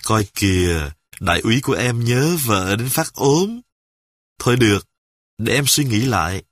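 Audiobook: male reader plays a teasing young woman, unhurried. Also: on the low side, lively intonation, a bit bright, no room sound, clean studio sound.

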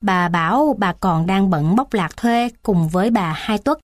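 A woman's voice: mid-range voice, a little slow, no echo. Woman narrating a story, dry close voice. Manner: steady, even storytelling.

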